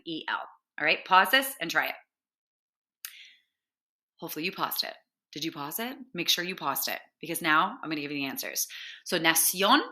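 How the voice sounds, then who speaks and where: A woman teaching a grammar lesson, patiently spelling out letters, repeating examples slowly and checking in with "right?" as she goes. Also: lowish voice, bright, forceful tone. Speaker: Spanish teacher. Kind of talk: classroom lesson explaining grammar.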